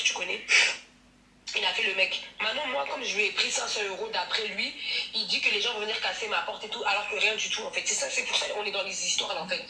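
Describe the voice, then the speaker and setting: A woman's voice: mid-range voice, pushed and bright. A woman telling her story on a live stream, rambling and repeating herself, with laughs between her lines. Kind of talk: emotional live stream confession. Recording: echoey, from a distance, faint noise.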